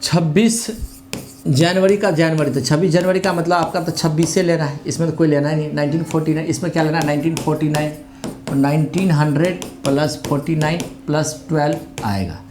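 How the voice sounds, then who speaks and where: A man's voice: fairly high pitch, a little fast, noisy background. A man teaching an online exam-prep lesson in a chatty, conversational way, mixing English words into his Hindi and repeating tag phrases.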